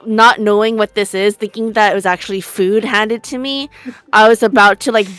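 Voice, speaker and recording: A woman's voice: mid-range voice, steady tone, normal speed, fairly bright tone, no room sound, faint music behind. A woman playing a tabletop game who describes her actions hesitantly, with many fillers. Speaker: player. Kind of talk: casual tabletop play.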